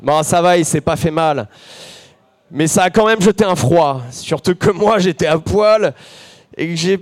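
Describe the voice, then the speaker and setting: A man's voice: a little high, a little slow. A man performing a bawdy, self-mocking comic story in rhyme in front of a live audience.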